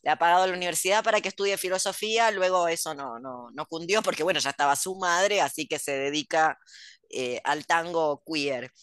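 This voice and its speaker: A woman's voice: low voice, fairly quick, a bit bright, clean tone, no echo, clean studio sound. A middle-aged Argentine woman in casual chat, gossipy and ironic, often trailing off into asides. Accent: Argentine Rioplatense Spanish. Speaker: podcast co-host.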